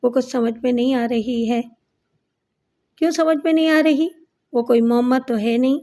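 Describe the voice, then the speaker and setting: A nervous, pleading young man in a spoken crime story, read by a woman. The voice sits high and soft, with little change from the reader's own. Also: lightly acted. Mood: uneasy. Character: anxious young man courting a strange cousin.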